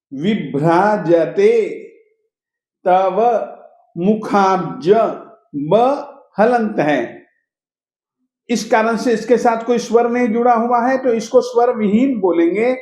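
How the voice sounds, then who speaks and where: A man with a high voice teaches a hymn one syllable at a time, at a very slow and deliberate pace. He repeats words patiently and drifts into chanting. The room around him sounds echoey. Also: darkish tone. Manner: chants the verse in a sing-song voice. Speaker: recitation teacher. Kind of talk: slow pronunciation lesson of a Sanskrit hymn.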